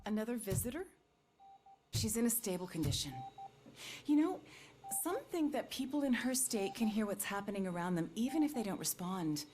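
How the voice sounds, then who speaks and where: An actress playing a gentle, considerate female hospital nurse in a video game. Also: mid-range voice, expressive, normal speed, close to an everyday voice. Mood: gentle, reassuring.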